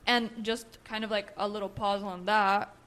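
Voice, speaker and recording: A young woman from Nicaragua, a native Spanish speaker, co-hosts a podcast for therapists in a relaxed, chatty way. Her medium-pitched voice moves at a moderate pace, and she leans on fillers like "you know" and "right" in this casual conversation.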